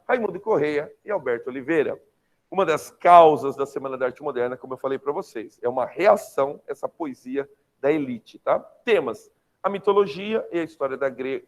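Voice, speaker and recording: A young adult man with a Brazilian Portuguese accent, teaching an online class in a lively, slangy way, often checking in with his students. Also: on the high side.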